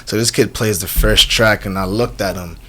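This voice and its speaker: A Jamaican man in his twenties with a lowish voice speaks at a moderate pace into a studio microphone in a small radio studio. A rapper giving a casual radio interview, he tells animated, slang-heavy stories and says "you know what I'm saying" often.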